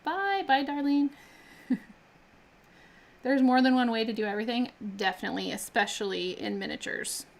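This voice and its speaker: Building miniatures on a live stream, a woman keeps up relaxed crafting chatter full of laughter, fillers, and restarts. She speaks at a moderate pace with a fairly high, creaky voice and pauses often.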